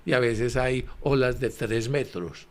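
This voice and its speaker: A man talks through a gospel reading in an easy, explanatory way. He leans on fillers and repeats phrases for emphasis, turning often to address his listeners directly. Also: medium pitch. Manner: explains slowly, with frequent fillers and repetitions. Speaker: Bible study presenter. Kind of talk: conversational gospel commentary.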